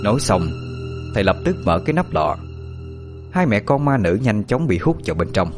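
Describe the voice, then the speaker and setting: A man narrating a ghost story in an expressive, steady way. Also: mid-range voice, a little fast, music in the background.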